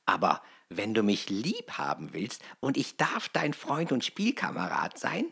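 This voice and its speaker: A woman voicing a male frog in a well in a fairy tale, speaking slowly and coaxingly as he bargains. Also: huge pitch swings, a bit bright, full character voice. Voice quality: deep and gravelly.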